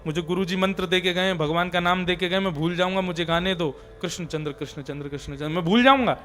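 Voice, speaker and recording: A man's voice: sits high, fast. A man playing a simple, anxious village farmer. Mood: earnest, anxious. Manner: anxious, repeating the name softly.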